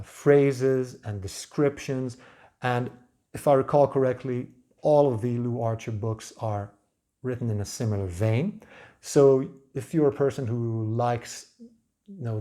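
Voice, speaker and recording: A man talking through a book review without a script, in a measured, hesitant way with pauses mid-phrase. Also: mid-range voice, warm tone. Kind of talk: unscripted book review talk.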